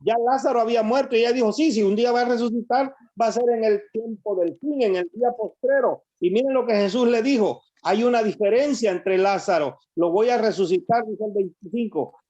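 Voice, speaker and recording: Reading verses aloud and commenting on them for his congregation, this preacher speaks in a high, mellow voice, a little fast and with few pauses. It's captured on a dull, low-fidelity recording.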